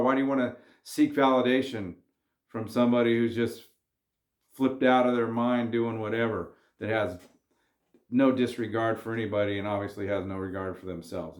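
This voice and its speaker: A man's voice: fairly low pitch, flat delivery, fairly quick, darkish tone, echoey room. A man talking casually straight to camera, slangy and earnest as he warns viewers to keep their cool. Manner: laid-back, slangy, earnest. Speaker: vlogger. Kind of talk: casual advice monologue.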